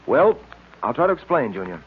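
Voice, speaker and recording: A fairly quick man's voice of medium pitch swings widely in intonation yet stays close to everyday speech. It's 1940s radio acting: he portrays a principled, earnest detective who talks in a firm, clipped, fatherly manner, captured on a tinny, noisy old radio recording.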